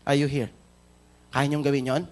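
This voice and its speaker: Speaking at a moderate pace, a Filipino pastor shares a story during his church sermon and puts questions to the crowd, switching between Tagalog and English. His medium-pitched voice is a little mellow and barely moves in pitch.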